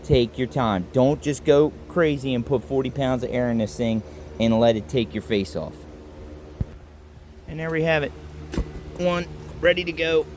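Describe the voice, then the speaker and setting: A man with a Baltimore accent gives a casual, plain-spoken hands-on tutorial in halting, folksy phrases, talking to a handheld camera. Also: medium pitch, a little mellow, slight background noise. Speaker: instructor in a do-it-yourself tutorial. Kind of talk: casual hands-on how-to explanation. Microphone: handheld camera held while demonstrating.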